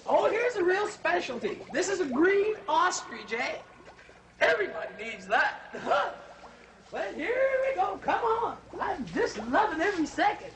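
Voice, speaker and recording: A very high-pitched, gloating old witch cooks for a children's comedy show. She is theatrical and sing-song, taking her time and swooping up and down. The old TV soundtrack is clearly noisy. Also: big pitch swings, unhurried, exaggerated voice. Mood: gleeful. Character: cackling old witch cook, gleeful and gloating.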